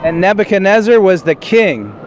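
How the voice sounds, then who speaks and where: A man with a fairly high voice hosts a street interview show and stops passers-by with the same simple questions. He speaks plainly and hesitantly, filling gaps with "uh" and restarting his sentences. A light hum of traffic and city noise sits behind him. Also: sing-song, normal speed. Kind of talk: street interviews and direct-to-camera intro.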